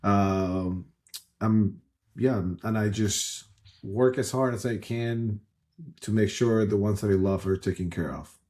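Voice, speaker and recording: Mellow-voiced man in his thirties. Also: on the low side, slow pace. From Ecuador. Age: 30s. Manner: earnest, rambling, many restarts and "like" fillers. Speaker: guest entrepreneur. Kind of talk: casual conversational storytelling.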